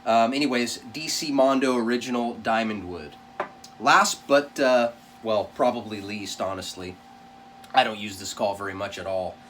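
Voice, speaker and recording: A man's voice: on the low side, normal speed, fairly bright tone, distant mic, a little hiss or hum. A man giving a casual product review in a plainspoken, conversational way.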